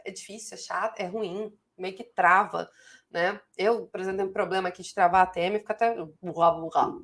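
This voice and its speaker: A woman's voice: medium pitch, fairly bright tone. A Brazilian woman teaches grammar online in a patient, explanatory way. She checks in with her students often as she walks them through each example. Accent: Brazilian Portuguese.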